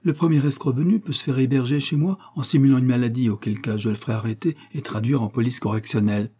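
A man's voice: medium pitch, quick pace, dark tone, husky, natural voice. A man voicing a cold, scheming host who mockingly orders an impostor around, in an audiobook reading. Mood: menacing. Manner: stern, mockingly commanding.

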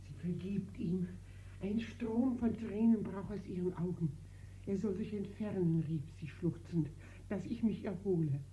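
A woman's voice: medium pitch, measured pace, mellow, a little hiss or hum, natural voice, poor audio. An actress playing an anxious sister protecting her sibling, urgent and emotional, in 1940s radio acting. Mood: moved.

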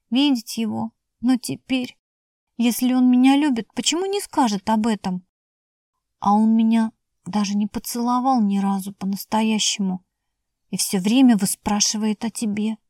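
A woman's voice: a little high, moderate pace, darkish tone, no echo, clean studio sound, natural voice. A woman voicing an emotional, pleading young woman who is the narrator's sister, in audiobook dialogue. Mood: distraught.

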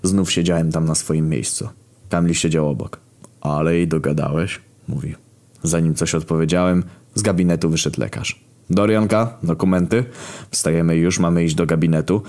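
A man with a very deep, low voice tells a rude comic tale in the first person. He keeps the narration deadpan and steady, breaking into loud outbursts now and then. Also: fairly quick. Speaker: storyteller.

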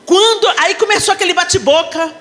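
A woman's voice: very high voice, fairly quick. A woman with a Brazilian Portuguese accent preaching at a women's conference, telling family stories with humor and acting out the scenes. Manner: animated, acts out family scenes with shifting voices. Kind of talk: sermon with humorous storytelling. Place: large conference hall. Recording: long hall reverb.

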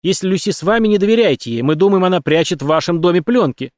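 Insistent male detective, put on by a narrator, shouting, commanding, lively pitch. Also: fast, dry recording, clean studio sound. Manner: loud, commanding, shouting through a door.

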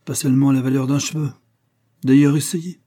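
A man voicing an anxious, despairing young nobleman in a storybook reading, speaking higher and more urgently than his narration. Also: little pitch movement, a little fast, dark tone, close to an everyday voice.

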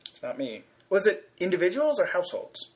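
A man's voice: high-pitched, huge pitch swings, fairly quick. A man co-hosting a casual podcast from his home, teasing his friend and reading out the facts. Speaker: podcast co-host.

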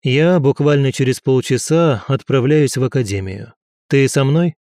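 A man voicing a young male academy student who speaks in a wry, brisk way. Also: mid-range voice, a little mellow, dry recording, clean studio sound, natural voice.

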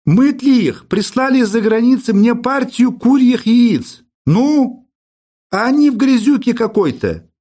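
A man's voice: extremely high pitch, lively intonation, measured pace, warm tone, voice pushed up, full character voice. A man voicing a fussy, anxious provincial farm manager. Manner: anxious, fussing.

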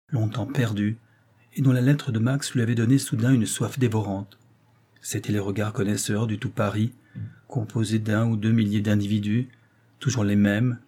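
Dark-voiced male audiobook narrator. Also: medium pitch, slightly rough. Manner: measured, even storytelling. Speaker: audiobook reader. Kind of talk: scripted narration of a novel.

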